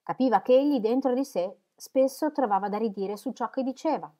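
A woman narrating a classic novel as an audiobook, reading in a measured, expressive way. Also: on the high side. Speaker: audiobook reader.

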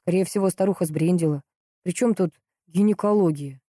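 A woman voicing a flustered young man who talks in a hurried, puzzled way. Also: fairly low pitch, mellow, no room sound, studio quality, lightly acted.

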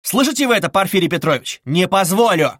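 A feverish, defiant young student, as a male narrator puts him on hurls clipped, indignant words at full volume. The pitch is pushed high and the sound is dry and close. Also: big pitch swings, fast talker, fairly bright tone, dry recording, exaggerated voice. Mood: shouting.

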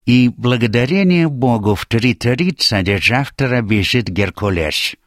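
A man's voice: mid-range voice, expressive, a little slow, no echo, studio quality, voice pushed up, natural voice. A man voicing an anxious, hopeful young stable hand in a read-aloud detective story. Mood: eager. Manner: pleading, worried.

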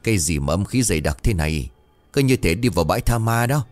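Brief: man doing a commanding exorcist, low and firm, in a spoken horror tale. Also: lively intonation, fast talker, faint music behind, natural voice. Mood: stern. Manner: stern, commanding. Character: stern middle-aged male exorcist.

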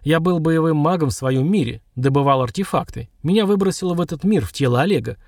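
A man's voice: a little high, fast, darkish tone, dry recording, studio quality. A man voicing a wary, displaced battle mage. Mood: weary. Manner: wary, hoarse.

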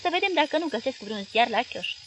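A woman voicing an excitable, talkative young man in an audiobook reading. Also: on the high side, faint music behind, close to an everyday voice.

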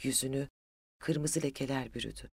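An audiobook narrator telling a literary story in an even, steady voice. The pitch sits in the middle range. The recording is close and dry, with no room sound. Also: normal speed, vocal fry, breathy edge, no room sound.

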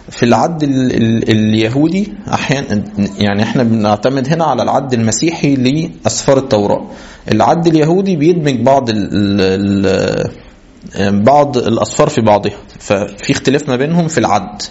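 Halting Egyptian man lecturing, husky voice. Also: mid-range voice, a little mellow. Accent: Egyptian Arabic. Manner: halting, many fillers and restarts. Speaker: teacher. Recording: dull lo-fi sound.

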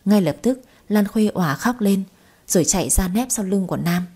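A woman tells a first-person story at a brisk, lively pace. Her voice is mellow and warm, with a husky breathiness. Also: medium pitch. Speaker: narrator.

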